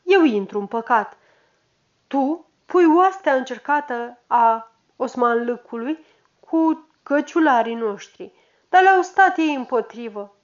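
A proud, blustering captain of the old army, bellowing orders and scolding, as a woman reading the story puts him on. The voice sits fairly high and shouts with fervor. The recording is dull and lo-fi. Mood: indignant. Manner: barking commands, loud and fervent.

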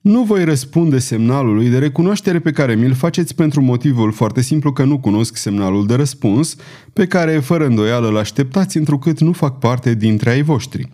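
A man voicing a calm, ironic male knight in an audiobook. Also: mid-range voice, lightly acted. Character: cool, witty male swordsman knight. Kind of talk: audiobook character voice.

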